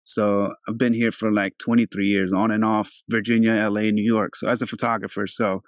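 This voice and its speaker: A man's voice: lowish voice, little pitch movement, a little fast, dry recording, clean studio sound. A man from Albania in his thirties, hosting an interview in a laid-back, chatty way. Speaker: podcast host. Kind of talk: casual interview talk.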